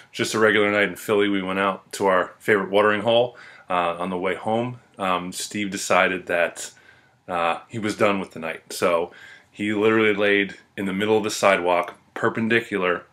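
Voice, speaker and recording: A young man casually telling funny stories about a friend to the camera, relaxed and amused, with plenty of ums and uhs. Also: sits low. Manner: laid-back, amused, with filler ums and uhs. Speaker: friend giving a video tribute.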